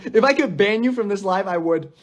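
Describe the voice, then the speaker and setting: A man's voice: high-pitched, lively intonation, fairly quick. A young man chatting casually on a phone livestream, playful and giggly. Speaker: livestream host.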